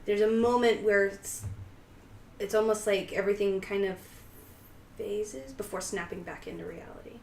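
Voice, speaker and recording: A woman's voice: medium pitch, moderate pace, darkish tone. A woman runs a tabletop game in a loose, rambling, giggly way. Her voice sits in a roomy space, caught from a distance with faint hiss underneath. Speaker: game master.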